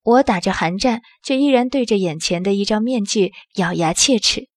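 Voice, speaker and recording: A woman narrating an audio drama in the first person with a steady storytelling manner. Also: mid-range voice, normal speed, no echo, studio quality.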